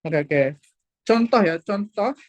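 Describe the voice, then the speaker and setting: A woman teaching a class over a video call, explaining slowly, repeating points and checking that everyone understands. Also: mid-range voice, lively intonation, darkish tone, no room sound, lo-fi sound. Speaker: Korean language teacher. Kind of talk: online class lesson.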